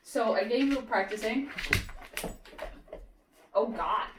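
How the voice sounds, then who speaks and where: A woman dog trainer explains her method in a loose, casual way and keeps cutting in with quick praise and commands for the dog. She sounds set back from the mic in a roomy space. A faint noise hangs under her voice. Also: a little high, far from the mic. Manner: explains while breaking off to praise and cue the dog.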